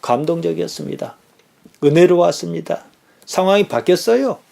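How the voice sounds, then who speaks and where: A middle-aged man preaches as a pastor, his voice sitting a little higher than most men's. He reads scripture passages aloud and unpacks them, pressing his listeners with pointed rhetorical questions. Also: fairly quick, vocal fry, warm tone. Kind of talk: sermon.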